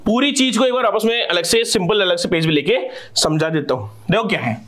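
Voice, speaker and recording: Indian male teacher, lighter high voice, rhetorical question-and-answer lecturing. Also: animated, a little fast, a bit bright. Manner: asks questions and answers them himself, calls listeners sahab. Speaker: chemistry teacher. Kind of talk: live class lecture.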